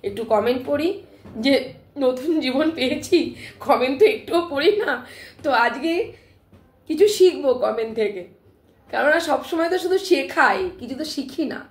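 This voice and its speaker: Woman live-streamer, high voice, sore throat, animated storytelling, echoey room. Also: moderate pace. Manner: animated, emphatic retelling with frequent "ঠিক আছে?" check-ins.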